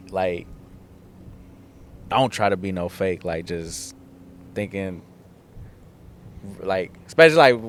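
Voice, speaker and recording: A young man from California's San Fernando Valley, a guest musician, chats casually in an interview outdoors in front of a theater. His voice is on the low side and a bit bright, laid-back and slangy with lots of "like" and "dog," and there's a little hiss or hum.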